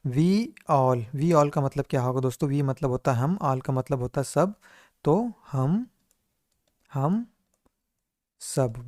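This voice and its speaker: Male online language tutor, mellow tone, dry close recording, repeat-after-me drilling, asks and answers his own questions. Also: mid-range voice, no room sound. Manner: constantly addresses viewers as friends, asks and answers own questions; slows right down to drill English phrases. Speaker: spoken English teacher. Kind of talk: Hindi-medium English lesson, repeat-after-me drills.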